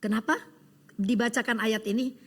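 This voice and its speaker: A woman preacher giving a lively sermon, telling a joke with acted voices and calling for amens from the congregation. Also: fairly high pitch, normal speed. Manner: engages the congregation with call-and-response.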